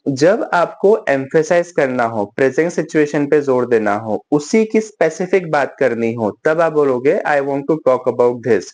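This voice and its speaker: A man with an Indian accent giving a casual spoken-English lesson in Hindi. He slows right down to model English sentences and keeps checking in with his learners. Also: a little high, a little mellow. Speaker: English vocabulary teacher.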